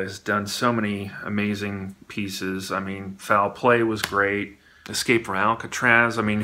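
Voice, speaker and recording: A man, a guest illustrator chatting informally and haltingly as he explains his craft. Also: fairly low pitch, sharp tone. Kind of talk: casual explanatory chat.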